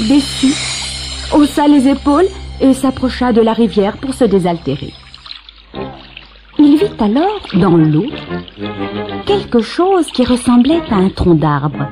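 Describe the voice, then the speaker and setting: A woman narrating a children's storybook cassette with an expressive storytelling cadence. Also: fairly high pitch. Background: background music.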